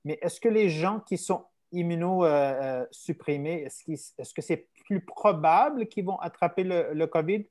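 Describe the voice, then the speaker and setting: A man in gives an informal expert explanation. He speaks haltingly, repeating words and searching for the right phrase as he addresses patients. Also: a little high, a little mellow. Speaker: invited medical expert speaker.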